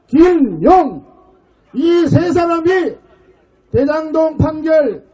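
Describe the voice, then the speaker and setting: A middle-aged man, a party floor leader, giving a fiery speech at an outdoor political rally, shouting and firing rhetorical questions at the crowd. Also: extremely high pitch, rough recording.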